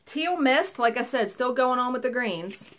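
Woman, thirties, chatty craft vlogger, slightly high voice, webcam in a small room. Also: animated, normal speed, fairly bright tone. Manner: chatty, enthusiastic, rambling asides. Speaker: cross-stitch vlogger. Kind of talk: casual show-and-tell haul.

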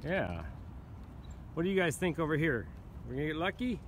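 Excitable man filming on a pier. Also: on the high side, moderate pace, a little hiss or hum. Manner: excitable, exclaiming at finds. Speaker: vlog host filming. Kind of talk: casual outdoor vlog commentary. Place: outdoors on a waterfront pier.

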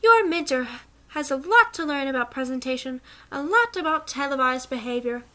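A woman's voice: high voice, animated, moderate pace, a bit bright. Effie Trinket, a prim fussy chaperone, as a woman puts her on. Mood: disapproving. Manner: clipped, disapproving, scolding.

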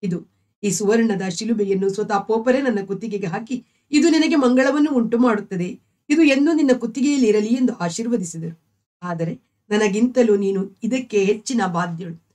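A woman's voice: mid-range voice, normal speed, warm tone, natural voice. A woman voicing a devout, kindly old grandfather who consoles his granddaughter. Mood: consoling. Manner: consoling, earnest.

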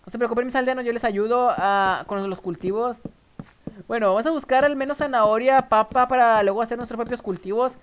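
Over soft background music and lo-fi sound, a young northern Mexican-accented streamer rambles casually to viewers about his game. His very high voice moves briskly, punctuated by nervous giggles.

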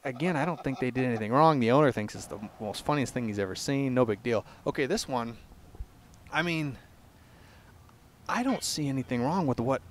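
Man, humorous voiceover commentator, casual and joking, middle pitch, stop-start sentences. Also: a little hiss or hum. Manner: casual, joking, self-interrupting. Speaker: video commentator. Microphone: voice-over.

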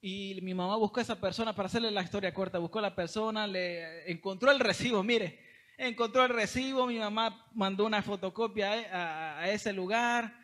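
Man, Salvadoran Spanish accent, young adult, high-pitched, animated sermon testimony. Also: a little fast. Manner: animated storytelling, addresses listeners as brother. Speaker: preacher.

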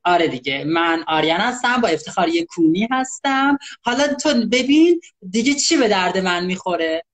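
A man's voice: sits high, lively intonation, fairly bright tone. A male host of a live chat, teasing his guest in a mock-polite way.

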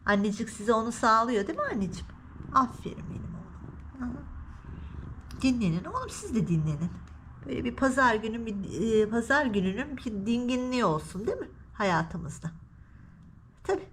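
High, lively woman cooing to her cats. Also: moderate pace, slight background noise. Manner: doting baby talk, cooing and sing-song. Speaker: cat vlogger talking to her cats. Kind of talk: casual talk to pets. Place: outdoor balcony.

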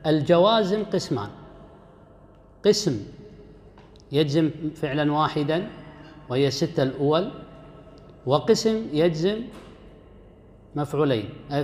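A man teaches a grammar class in a somewhat high voice. He lays out each rule step by step and puts questions to the room before answering them himself. When he quotes a verse he slows right down and gives each word its weight. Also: darkish tone. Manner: recites quoted verses slowly and deliberately. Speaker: grammar lecturer. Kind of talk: classroom lecture.

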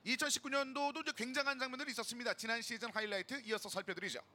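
A man's voice: extremely high pitch, fairly even intonation, very fast, heavy background noise. A man presenting as lead motorsport commentator in an emphatic broadcast delivery, handing over to his colleagues. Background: loud music bed.

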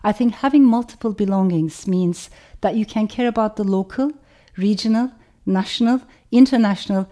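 A middle-aged woman with a Turkish accent, a novelist speaking reflectively about where she comes from, in a measured, thoughtful way. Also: mid-range voice, mellow. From Turkey. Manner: measured, thoughtful, lists things in long chains. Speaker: novelist hosting her own channel. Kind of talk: reflective personal talk with a read passage.

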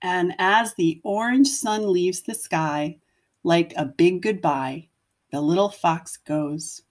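Speaking slowly in a lowish voice, a female teacher reads a picture book to a group of children. Along the way she keeps explanations simple and poses questions to them.

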